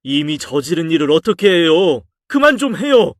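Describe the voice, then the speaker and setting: Man voicing a hopeless young son, talks back, raised voice, higher pitch. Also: very animated, normal speed, no room sound, clean studio sound. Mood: defiant. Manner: sulky and pleading, voice raised. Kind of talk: audio drama story reading.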